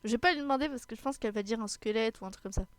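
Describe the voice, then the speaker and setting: A woman's voice: a little high, no room sound. A young woman streamer giving casual, giggly commentary on a game. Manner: giggly and quick.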